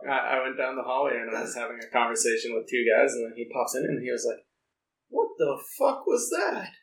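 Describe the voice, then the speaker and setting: A man's voice: mid-range voice, flat delivery, fast, a bit bright, a little hiss or hum. A young man telling stories in a casual podcast chat, full of fillers and acted-out quotes. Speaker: podcast host. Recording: roomy echo.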